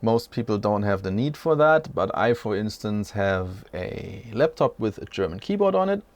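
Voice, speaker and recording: This man in his forties runs his tech channel from a small home room, rambling through an unscripted walkthrough. He speaks at normal speed in a lowish, sing-song voice. He's chatty and keeps correcting himself as he goes.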